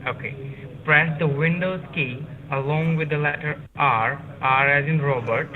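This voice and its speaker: Insistent male Indian call center agent, higher-pitched. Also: steady tone, measured pace. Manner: insistent, instructing step by step. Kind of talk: scripted phone support instructions. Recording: phone call with busy room chatter.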